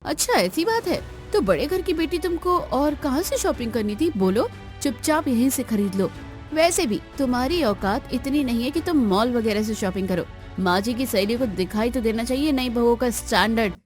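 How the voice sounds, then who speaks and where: A woman voicing a scheming, sharp-tongued elder sister-in-law in a cartoon, haughty and taunting. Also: fairly high pitch, animated, moderate pace, faint music behind, natural voice. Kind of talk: Hindi cartoon voice acting.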